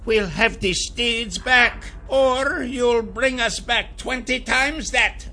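A man voicing a stern wizard disguised as a goblin, speaking high and clipped in a storybook reading. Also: slow, sharp tone, heavily acted. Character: shape-shifted wizard posing as a goblin, male, stern. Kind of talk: audiobook character voice.

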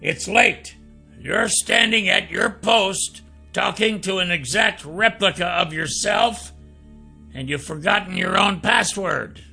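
A high, sly shapeshifting trickster. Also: male voice, slow, sharp tone, faint music behind, full character voice. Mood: coaxing. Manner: smooth-talking, coaxing, mischievous.

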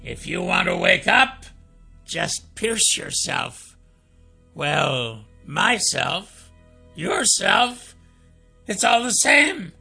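Sneaky shapeshifter guy, high and husky, sweet-talking, storybook. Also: sing-song, extremely slow, pushed and bright, soft background music, heavily acted. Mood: coaxing. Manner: smooth-talking, coaxing, mischievous. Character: sly shapeshifting male trickster.

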